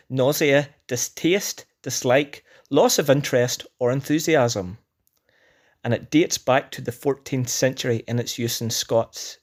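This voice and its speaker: Northern Irish man reading an educational script. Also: mid-range voice. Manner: measured dictionary-style delivery with definitions and examples. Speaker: language teacher presenting a word list.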